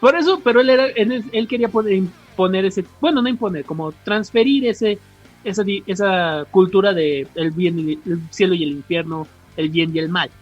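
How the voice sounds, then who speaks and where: With the highs cut off and faint music behind, a high-voiced man with a Mexican accent talks comics lore as a podcast co-host. His casual, slangy explanation keeps stumbling into restarts and self-corrections.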